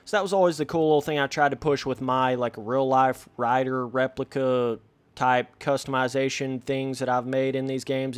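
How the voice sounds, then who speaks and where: A young gaming YouTuber with a mid-range voice talks directly to his viewers, brash and full of slang, as he casually comments on his gameplay. There's no echo on the recording.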